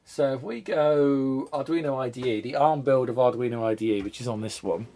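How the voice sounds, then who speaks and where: A retro computer channel host chats casually on a live stream, a bit congested and coughing from a cold, and his mid-range voice moves fairly quickly. He rambles and thinks aloud while tinkering, pokes fun at his own disorganisation, and his voice occasionally drifts back from the mic.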